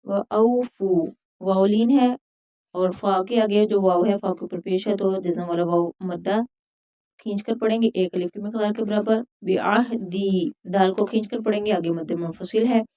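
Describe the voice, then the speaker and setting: A woman teaching Quran recitation rules, chanting verses slowly and then explaining each letter in plain talk. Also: medium pitch, fairly even intonation, dark tone. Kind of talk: recitation and tajweed instruction.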